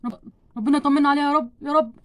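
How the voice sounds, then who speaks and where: Ken, a woman voicing him, fast and fretful. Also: high voice, fairly even intonation, a bit bright. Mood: worried. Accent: Egyptian Arabic. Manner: fretful, repeating himself. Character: anxious young husband doll, Ken.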